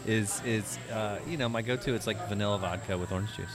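A man's voice: fairly low pitch, brisk, over music. A man co-hosting a podcast in casual chat, wry and teasing. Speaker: podcast co-host.

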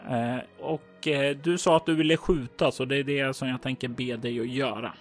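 A man narrating a tabletop role-playing game as game master, describing scenes and calling for dice rolls in a calm, measured way. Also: medium pitch, faint music behind.

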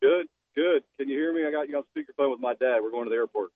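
A guest caller on speakerphone from his car casually recounts a fishing story, relaxed and laughing as he talks. His medium-pitched voice moves fast, and the phone line sounds tinny and dry, with no echo.

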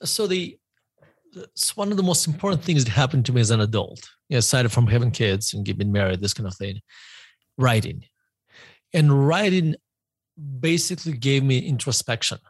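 A man's voice: medium pitch, normal speed, slightly rough, dry recording. A middle-aged man from Russia, a native Russian speaker, talking as a guest author in a podcast interview, rambling and often correcting himself. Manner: rambling, self-correcting, repeats words.

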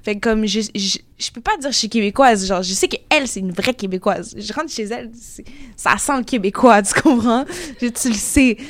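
A woman's voice: a little high, normal speed. A young woman, talking animatedly in a casual discussion, laughing often and full of fillers. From Quebec. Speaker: panel guest.

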